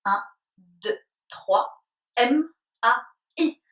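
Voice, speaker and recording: A woman teaching a lesson to small children at home, asking simple questions in a slow, sing-song voice and praising their answers. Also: high voice, animated, a bit bright, far from the mic. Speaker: preschool teacher. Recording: roomy echo, voice a little off-mic.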